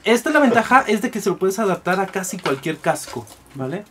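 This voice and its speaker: Rambling Mexican man, higher voice. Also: big pitch swings, fairly quick, sharp tone, a little hiss or hum. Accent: Mexican Spanish. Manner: rambling, full of fillers. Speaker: podcast co-host. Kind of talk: casual chat reviewing gear.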